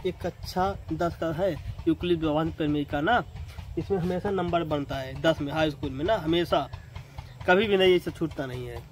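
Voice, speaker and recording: A man's voice: on the high side, rough recording. A man teaching basic math in a casual classroom way, repeating each point and tagging lines a questioning "na". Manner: talks straight to students, repeats points with "na" tags.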